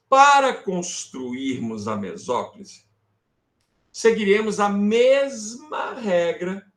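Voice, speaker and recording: A male Brazilian teacher talks through a remote grammar lesson at an unhurried pace. His somewhat high voice swings widely in pitch, and he keeps checking in with his students, sometimes muttering to himself as he works the slides. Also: a bit bright. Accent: Brazilian Portuguese. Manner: calls students "amores", checks with "beleza?" and "tá?"; fiddles with slides while talking to himself.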